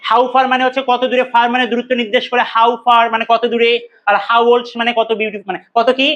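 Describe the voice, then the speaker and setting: A male teacher, a native Bengali speaker, giving an English lesson. He asks the class questions, answers them himself, and repeats words slowly to drill pronunciation. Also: very high-pitched, level tone, a bit bright, highs cut off. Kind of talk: recorded classroom lecture.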